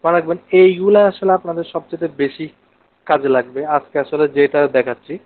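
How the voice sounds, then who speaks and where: A man with a Bangladeshi accent talks a little fast in a slightly high voice while teaching a live online coding lesson. He moves through the material step by step, uses English technical terms and questions his students, and the audio is narrow and phone-like.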